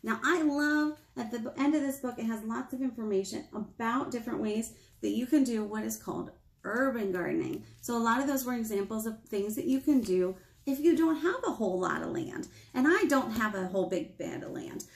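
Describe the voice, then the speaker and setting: A children's librarian in her thirties leads storytime in a small indoor library room, speaking directly to preschoolers with questions and simple explanations. Her voice is on the high side, expressive and brisk, with vocal fry.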